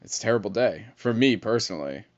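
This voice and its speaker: A man co-hosting a podcast from a basement, chatting loosely and cracking jokes, with a fairly low voice. He rambles into tangents and swears casually. The sound is dull and lo-fi. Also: expressive, quick pace. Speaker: podcast co-host. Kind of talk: casual chat. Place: shop basement. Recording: muffled lo-fi podcast audio.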